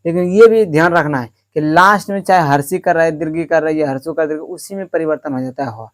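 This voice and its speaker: A man with a slightly raised voice teaches in a patient classroom manner. He asks questions and answers them himself, and checks in again and again. He draws words out slowly to model how they sound. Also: on the high side. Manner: stretches words out slowly to show pronunciation. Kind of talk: classroom-style lesson.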